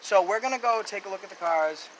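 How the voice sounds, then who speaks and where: A man filming police as a first amendment auditor, talking loudly and lecturing the officers outdoors. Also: sits high, fast talker, crowd noise, poor audio. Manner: loud, confrontational and lecturing.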